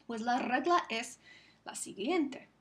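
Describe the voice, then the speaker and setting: A woman delivers a recorded lecture in a slightly high voice. She explains step by step and sounds out each example word slowly and carefully. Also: lively intonation. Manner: careful, slow enunciation of example words. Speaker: Spanish phonetics lecturer.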